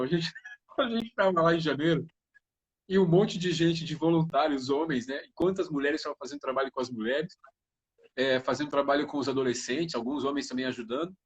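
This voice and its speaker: A man's voice: on the high side, fairly quick, husky, muffled recording. A man co-hosting a casual live-stream chat, telling funny anecdotes and laughing as he speaks. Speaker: co-host.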